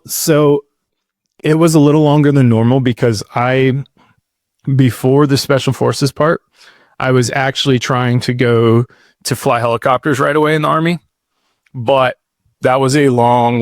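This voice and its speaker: A man in his thirties, guesting on a podcast, tells his life story in a loose, laid-back ramble packed with "like" and "dude." His mid-range voice is creaky, with fairly even intonation and a moderate pace, recorded at studio quality with no room sound. It's a casual storytelling interview.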